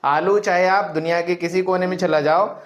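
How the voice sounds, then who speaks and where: A man's voice: high voice, fairly even intonation, normal speed. A man teaching a biology class, who asks the class questions and answers them himself, mixing English terms into his Hindi. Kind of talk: classroom lecture.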